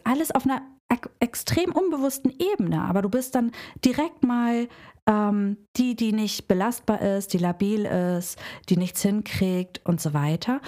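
A woman's voice: on the high side, dark tone. A woman who works as a hairdresser gives reflective self-help advice, speaking directly to the listener and using everyday examples.

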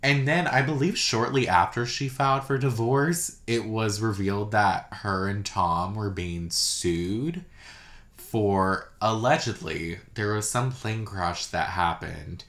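A man's voice: fairly low pitch, unhurried, a bit bright. Chatty gossiping man in an echoey room. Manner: chatty and gossipy, with many "like" fillers. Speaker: podcast host. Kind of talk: casual solo podcast chat.

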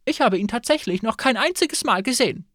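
A fussy, demanding fixer grumbles and complains in a raised, whiny voice, as a male narrator puts him on. The storybook reading moves around a lot in pitch. The recording is dry. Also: expressive, a little fast, a bit bright, dry recording. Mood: wry.

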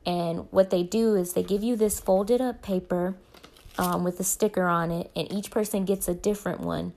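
A woman's voice: on the low side, fairly even intonation, normal speed, vocal fry, darkish tone, a little hiss or hum. A young woman telling a personal story in a casual vlog, rambling and correcting herself as she goes. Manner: rambling, self-correcting, faith-focused. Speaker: vlogger.

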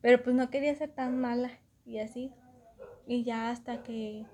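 A young woman with a Mexican Spanish accent, casually telling a story to a friend, animated, laughing often and acting out the voices of the people in it. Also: on the high side, moderate pace.

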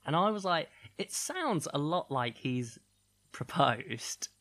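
A British man co-hosting a podcast, chatting casually and telling an animated story, laughing often and mimicking voices. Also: a little high, slow. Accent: British English. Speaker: podcast co-host. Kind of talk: casual chat.

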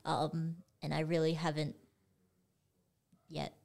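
A young woman from Singapore talks slowly and easily in a casual chat. Her voice sits a little low. She laughs often and lets her sentences trail off. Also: monotone, gravelly, darkish tone. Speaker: artist.

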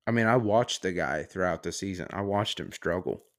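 A man's voice: low-pitched, lively intonation, moderate pace, fairly bright tone. A podcast host, a man, ranting on his own in a heated, sarcastic and profane way. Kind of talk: casual solo rant.

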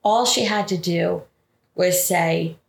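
A woman's voice: fairly low pitch, slow, creaky. A woman co-hosting a podcast, chatting casually as she recaps a film and acts out the characters' lines. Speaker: podcast co-host. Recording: roomy echo.

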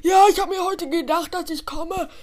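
A woman's voice: very high-pitched, moderate pace, a little mellow, pitched above the performer's own voice. A woman voicing a cocky truant schoolboy who talks in a cheeky drawl.

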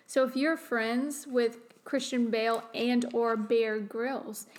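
A woman's voice: fairly high pitch, little pitch movement, slow, slight background noise. A woman co-hosting a podcast, chatting in a playful, teasing way. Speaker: podcast co-host. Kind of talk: casual chat.

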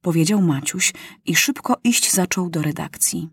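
A woman narrating a children's novel in a measured, expressive audiobook reading. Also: on the low side, slightly rough, no room sound, clean studio sound.

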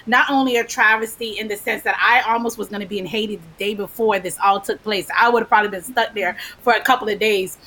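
A woman from Florida speaking as a guest co-host on a talk show, earnest and measured. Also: medium pitch, fairly even intonation, bright, forceful tone, slight background noise. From United States, Florida.

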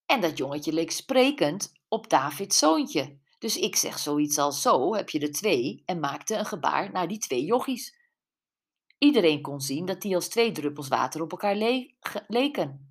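Woman reader as brash gossiping canteen lady, husky and lowish, blunt delivery. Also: big pitch swings, unhurried, heavily acted. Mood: gossipy. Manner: blunt, chatty.

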